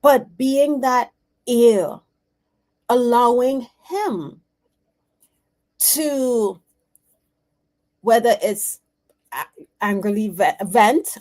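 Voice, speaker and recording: A woman's voice: fairly high pitch, a little mellow. A woman in her forties giving an intuitive card reading, talking earnestly and animatedly, often correcting herself mid-sentence. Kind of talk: casual spoken reading.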